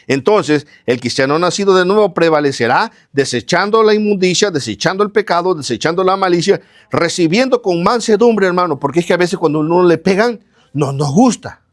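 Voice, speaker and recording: A man's voice: high voice, expressive, brisk. A man preaching a sermon, asking questions and answering them himself, repeating phrases in lists, speaking straight to his listeners. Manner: addresses listeners directly.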